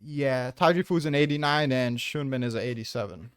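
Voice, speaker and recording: Arguing over where manga characters belong on his tier list, a man holds his ground in an informal, profane debate. He speaks briskly in a clean, medium-pitched voice, captured dry with clean studio sound.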